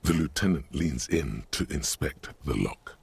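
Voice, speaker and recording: Detective game narrator, extremely deep, gravelly, dry and measured. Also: male voice, animated, heavily acted.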